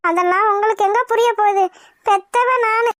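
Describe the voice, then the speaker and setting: A woman's voice: very high voice, steady tone, moderate pace, fairly bright tone. A woman voicing a worried village mother in a cartoon, plaintive in tone. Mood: hurt. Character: fretful village mother missing her son. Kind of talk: cartoon voice acting.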